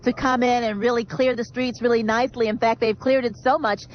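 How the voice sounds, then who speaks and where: A woman's voice: on the high side, little pitch movement, brisk. A woman field reporter ad-libbing a live weather report in a hesitant, rambling way, in muffled audio. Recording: dull street audio with faint traffic noise.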